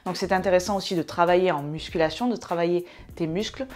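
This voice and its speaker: A woman's voice: lowish voice, fast talker, darkish tone. Woman chatting casually like a vlogger, playful, pokes fun at herself, giving tips. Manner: playful, self-mocking asides. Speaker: host of a fitness advice video. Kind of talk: casual chatty advice to the viewer.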